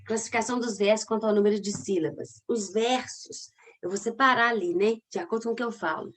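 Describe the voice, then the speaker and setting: A woman's voice: medium pitch, fast, a bit bright. Chatty Brazilian woman teaching literature. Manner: chatty, explanatory, addresses students directly; stretches words out when scanning syllables. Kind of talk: recorded online class.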